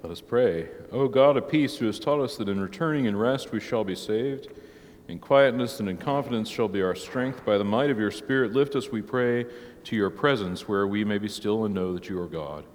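A man who preaches, teaching a church catechism class in a relaxed, conversational way, heard with a long church echo. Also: on the low side, moderate pace, slight background noise. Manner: conversational, tags many points with "right?". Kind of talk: informal church class teaching, opening with prayer.

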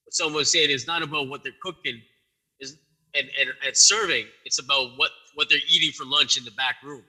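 Husky, sharp-voiced man. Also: fairly high pitch, brisk, poor audio. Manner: profane, slangy, laughs often. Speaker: podcast co-host. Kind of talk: casual chat.

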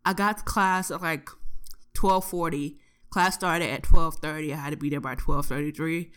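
A woman's voice: sits low, steady tone, normal speed, fairly bright tone, smooth. A young woman telling a story from her day in a casual, profane and exasperated way, with lots of swearing. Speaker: podcast host.

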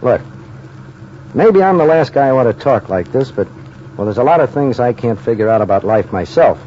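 An actor playing a plain-spoken police officer in an old radio drama, talking in slangy 1930s cop style. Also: male voice, medium pitch, lively intonation, normal speed, mellow, lightly acted. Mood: earnest. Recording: dull, noisy old radio recording.

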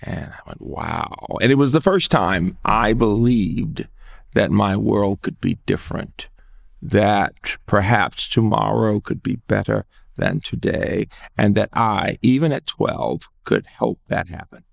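An older man tells his story in an earnest, emphatic way, pausing to think as he goes. His voice is fairly low and gravelly. He speaks as an interview guest who teaches for a living. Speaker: guest, educator. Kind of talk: recounting memories in conversation.

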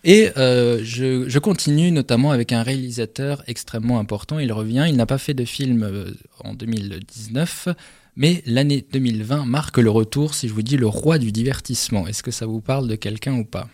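A man's voice: mid-range voice, fairly quick, a little mellow, no echo, studio quality. A man giving a radio film preview as the show's columnist, talking with enthusiasm and plenty of fillers and restarts.

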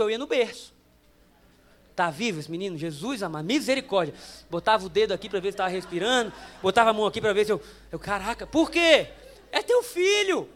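Man, Brazilian accent, very high voice, preacher, humorous sermon storytelling, talks straight to the congregation. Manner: animated, swinging between hushed and emphatic.

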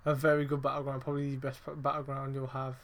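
A man hosting a casual wrestling review podcast, rambling with lots of fillers, swearing heavily and getting excitable and emphatic. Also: medium pitch, fast. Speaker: podcast host.

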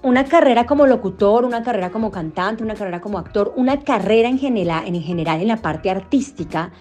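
A woman's voice: medium pitch, expressive, quick pace, darkish tone, faint music behind. A young adult woman from Colombia, a voice actor and singer, answering interview questions thoughtfully with frequent restarts and fillers.

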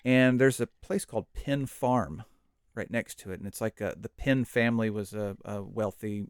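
Low-voiced chatty male podcast host. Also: moderate pace, clean tone, dry recording, studio quality. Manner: relaxed, chatty, with fillers and asides. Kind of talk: casual Bible study conversation.

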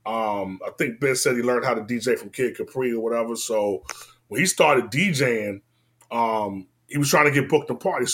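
A man in his forties with a Washington, D.C. accent, telling his story in a casual, slangy, laid-back way that drifts between loud and low.

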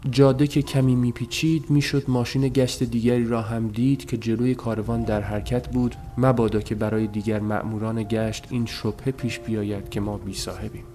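A man narrating a story as an audiobook, in a measured, subdued telling. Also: medium pitch, little pitch movement, warm tone, faint music behind.

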